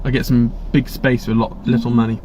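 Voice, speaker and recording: An English man hosts a casual live stream, reading viewer chat and answering questions in a chatty, rambling way full of blunt asides and restarts. His medium-pitched voice is darkish and fairly monotone, and he talks briskly. The webcam audio is slightly muffled, with a little hiss or hum.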